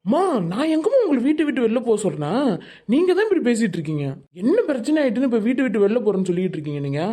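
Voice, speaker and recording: Woman doing a cartoon son, talks fast and mellow, always defending himself. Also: a little high, sing-song. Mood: defensive. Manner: pleading, defensive. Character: grown son caught between mother and wife.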